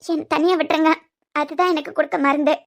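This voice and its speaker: A woman voicing a heartbroken young wife in a cartoon, speaking in a quiet, wounded way. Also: high voice, fairly even intonation, quick pace. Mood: hurt. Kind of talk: cartoon voice acting.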